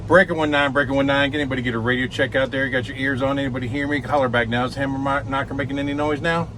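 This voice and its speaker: A man's voice: medium pitch, fairly even intonation, very fast, noisy background. A man doing a playful trucker CB radio check in a put-on redneck twang, outdoors at a vendor lot. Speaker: vlogger.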